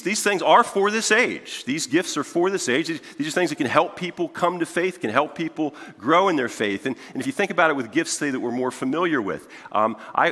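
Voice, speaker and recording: A middle-aged man preaching in a church sanctuary, his bright voice swinging widely in pitch as he paces and gestures. He talks in a loose, conversational way, restarting phrases and tossing "right?" to the congregation. A long hall reverb trails every line. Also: slightly rough. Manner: animated, conversational, frequent restarts and "right?" asides. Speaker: pastor. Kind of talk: sermon.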